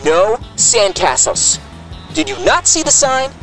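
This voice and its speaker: A pushy little dog lifeguard yelling orders, as a woman puts him on. High and loud, leaping all over in pitch, with loud music behind. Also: very animated, slow, poor audio. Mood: bossy shouting. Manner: barking orders. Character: shouty bossy male dog lifeguard.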